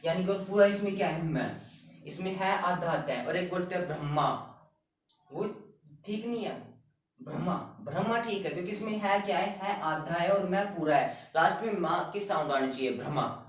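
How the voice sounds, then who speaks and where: A man teaching a grammar lesson, explaining step by step and repeating each word slowly. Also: high voice. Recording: very echoey room, voice a bit far from the mic.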